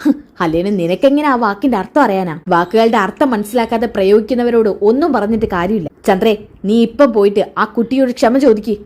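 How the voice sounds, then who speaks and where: A woman retelling a TV serial episode in a lively way, switching quickly between all the characters' lines. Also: on the high side. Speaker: serial recap narrator.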